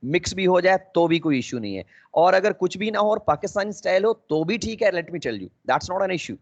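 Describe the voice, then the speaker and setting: In a dull lo-fi recording, a man teaches an English lesson in lecture style, explaining things, mixing in English phrases and often pausing with "uh." His voice is high with lively intonation.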